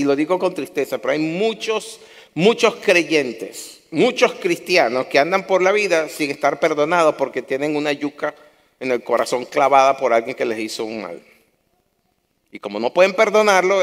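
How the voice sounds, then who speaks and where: A man preaching a sermon to his congregation, impassioned, repeating phrases for emphasis. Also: medium pitch. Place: church hall. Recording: long hall reverb.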